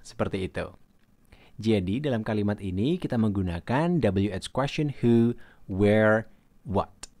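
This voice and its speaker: A man teaching English grammar in a recorded lesson. He reads English example questions slowly and then translates them. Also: fairly low pitch, expressive, darkish tone, no echo.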